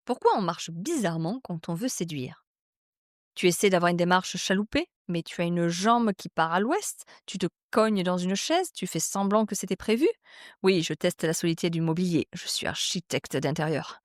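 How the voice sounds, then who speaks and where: Animated, mocking woman podcast host. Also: medium pitch, no echo, studio quality. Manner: animated, mocking, swings between loud punchlines and soft asides. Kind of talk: comic monologue.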